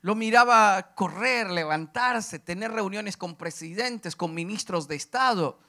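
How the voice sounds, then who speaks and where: Impassioned high-voiced male preacher. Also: a little slow. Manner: impassioned, swinging from loud declarations to hushed emotional speech. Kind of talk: sermon.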